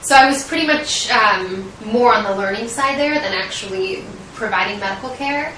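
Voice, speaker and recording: Earnest and hesitant, a young woman studying medicine answers interview questions in the American accent of her native Washington State. Her mid-range voice sounds pushed and bright, at a moderate pace. A distant microphone picks up roomy echo and faint noise.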